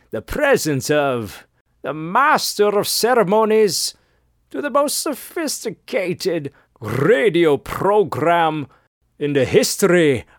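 Pompous aristocratic radio host, played by a man, slow haughty drawl, pitch swooping wide, dry close sound. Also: no echo. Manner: haughty, affected posh drawl. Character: pompous snobbish upper-class male radio host. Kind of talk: comedic character monologue.

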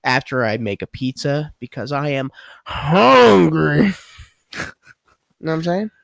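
A man's voice: on the high side, takes it slowly, vocal fry, a bit bright, no room sound. A man with a New York accent hosting a casual podcast chat, laughing often and telling stories with animation. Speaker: podcast host.

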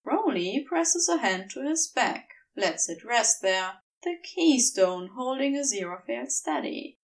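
A woman reading fan fiction as an audiobook narrates a scripted story, recorded from a distance a little back from the microphone. Her high voice swings expressively in pitch, yet her pace stays slow and measured, like careful audiobook storytelling.

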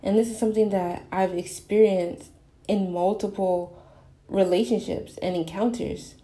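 A woman's voice: medium pitch, fairly even intonation, a little slow, dark tone. A young adult woman giving an earnest, rambling, casual confessional monologue, recorded in an echoey bathroom. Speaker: podcast host. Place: small bathroom, in the bathtub.

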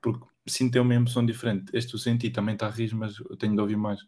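A man's voice: on the low side, level tone, fast, mellow. A young man chatting casually in slangy, somewhat hesitant phrases. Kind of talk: casual chat.

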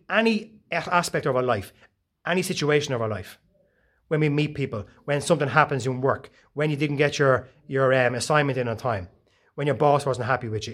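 Profane, animated man telling stories. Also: on the high side. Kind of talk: casual monologue.

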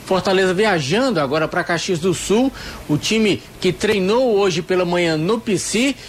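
A man's voice: high-pitched, moderate pace. A man giving a live spoken football report for radio. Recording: clear background ambient noise.

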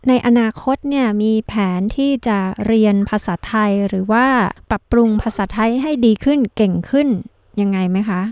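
A woman's voice: on the high side, normal speed, hardly any pauses, darkish tone, clear, resonant tone, dry recording, clean studio sound. A woman hosting a conversational interview, asking long questions politely. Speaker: interviewer, host.

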